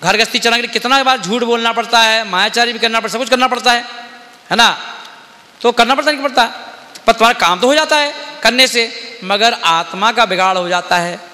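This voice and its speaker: A man's voice: extremely high pitch, fairly quick, sharp tone. A man, a Jain monk, giving a sermon. He keeps asking "है ना?" and acts out everyday scenes. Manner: repetitive, asks "है ना?" often, acts out everyday scenes. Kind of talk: Hindi sermon. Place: dharmshala hall. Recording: long hall reverb.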